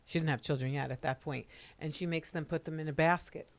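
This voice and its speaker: Woman, middle-aged, deep voice, chatty podcast co-host. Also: fairly even intonation, quick pace. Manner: chatty anecdote teller. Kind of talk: casual podcast conversation.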